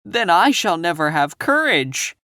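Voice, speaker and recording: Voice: medium pitch, big pitch swings, unhurried, bright, forceful tone, no echo, studio quality, pitched above the performer's own voice. A reader voicing a cowardly male lion who pleads earnestly in a raised voice.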